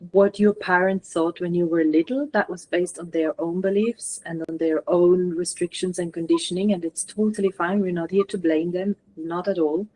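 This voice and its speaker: A woman channeler guiding a participant through a session, talking gently and coaching, often filling in with "like". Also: fairly low pitch, low-quality recording.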